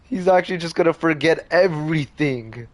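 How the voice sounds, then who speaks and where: A man's voice: fairly high pitch, normal speed. A young man streaming a video game, joking and reacting aloud in slang. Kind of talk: gaming commentary. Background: game music.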